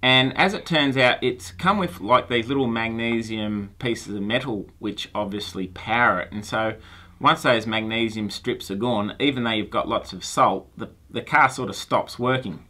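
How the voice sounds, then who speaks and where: Speaking at a normal pace with a sharp, mid-range voice, this man is a science teacher in his forties on a phone call. He comes across as warm and sincere, frequently restarting what he's saying. The audio comes from a phone held to his ear plus a room mic, in a small space filled with toys and lab equipment.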